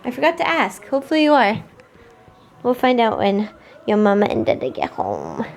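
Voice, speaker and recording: A woman's voice: mid-range voice, wildly swooping pitch, moderate pace, a little mellow, faint music behind. A woman chatting casually for a vlog in a gushing, affectionate way, often slipping into baby talk. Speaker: vlogger.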